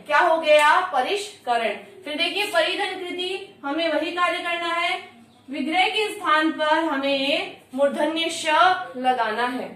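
In an exam-prep grammar lesson, a woman with a high, slightly bright voice states each rule, then poses her own questions and answers them. She sounds far from the microphone in a strongly echoing room.

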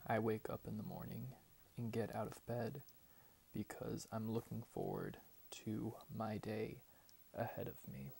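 A man in his twenties gives a soft, whispered ASMR pep talk in a hushed, deliberate manner with long pauses. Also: fairly low pitch, vocal fry, a little hiss or hum. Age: 20s. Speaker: ASMR creator reading positive affirmations. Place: small bedroom at home, indoors.

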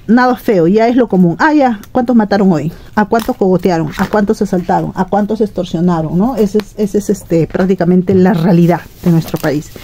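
A woman's voice: medium pitch, moderate pace, few pauses, warm tone, slight background noise. A middle-aged woman from Peru, chatting and rambling to her viewers at home in a casual shopping vlog. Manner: chatty, rambling, frequent restarts. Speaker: shopping vlogger. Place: home, indoors.

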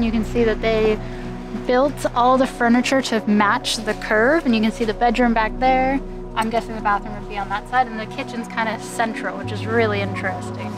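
A young woman exploring abandoned seaside houses and pointing things out to the camera, partly in voice-over narration. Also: fairly high pitch. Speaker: travel vlogger. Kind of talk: casual travel vlog with voice-over narration. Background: music.

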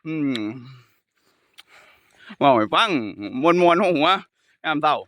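Walking outdoors up a hill path, a male Buddhist monk trades casual jokes in a Northeastern Thai Isan accent. He speaks slowly in a fairly high, fairly bright voice with lively intonation, and the recording has no room sound. Playful and quick to laugh, he spins teasing stories.

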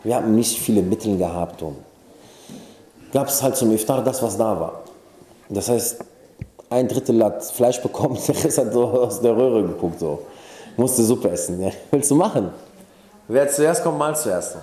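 A man's voice: lowish voice, expressive, normal speed, dark tone. Man preaching casually in an echoey room. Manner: casual storytelling with Arabic religious terms. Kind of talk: informal sermon.

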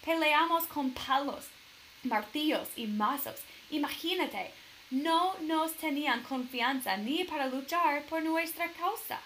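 A woman's voice: high voice, takes it slowly, fairly bright tone, slight background noise, pitched above the performer's own voice, low-quality recording. A woman voicing an earnest young soldier. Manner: earnest, urgent.

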